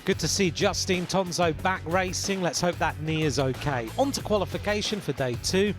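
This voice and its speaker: A man delivering scripted narration for race highlights. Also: moderate pace. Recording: music behind the voice.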